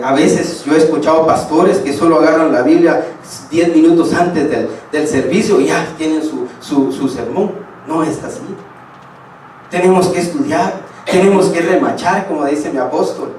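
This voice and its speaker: A man's voice: on the high side, a little mellow. A man preaching a sermon, speaking emphatically and addressing his congregation directly. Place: church hall. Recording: echoey hall, distant mic.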